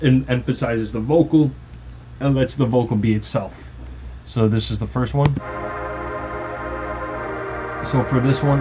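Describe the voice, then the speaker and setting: Casual man walking through his track. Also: mid-range voice. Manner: loose, informal explaining with restarts. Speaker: music producer. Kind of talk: casual tutorial walkthrough. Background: faint music playing.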